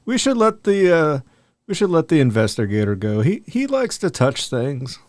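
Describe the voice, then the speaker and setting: A fatherly fantasy adventurer voiced by a man, protective and a bit hesitant. The voice is notably high for a male and recorded very dry. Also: sing-song, normal speed, a little mellow, no room sound. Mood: fatherly caution. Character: fatherly adventurer healer calling companions lad.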